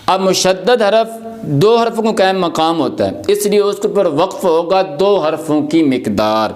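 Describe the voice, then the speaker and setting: A man teaching Quran recitation rules, explaining patiently and repeating each example slowly. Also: sits high, expressive, a little mellow. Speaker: tajweed teacher.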